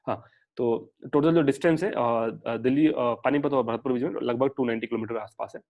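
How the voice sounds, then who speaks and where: A man's voice: medium pitch, a little fast, narrow, tinny audio. A young man teaching an exam-prep history lesson in a chatty, digressive way, mixing English terms into his talk. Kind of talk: casual online lecture.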